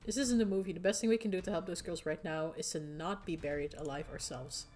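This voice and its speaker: A woman voicing a blunt, cautious young woman companion from a game, speaking low and matter-of-factly. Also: quick pace, a little mellow, close to an everyday voice. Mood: scolding. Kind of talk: reading a visual novel aloud.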